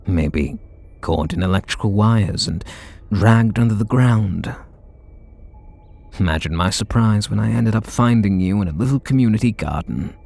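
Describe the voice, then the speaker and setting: A man acts out a brooding male super villain in a fairly low, darkish voice with vocal fry. The character is sardonic yet hides a deep devotion, and the scripted ASMR roleplay is delivered with dramatic pauses.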